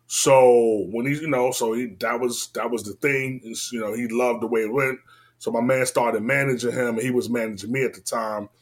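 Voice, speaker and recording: Laid-back man from D.C. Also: normal speed. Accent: Washington, D.C. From Washington, D.C. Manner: laid-back and animated, slangy, drifts between loud and low. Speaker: rapper and engineer telling his story. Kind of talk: casual storytelling interview.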